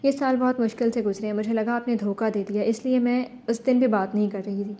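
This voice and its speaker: A woman voicing a young woman who is tearful and hurt, then softens. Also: a little high, steady tone, close to an everyday voice.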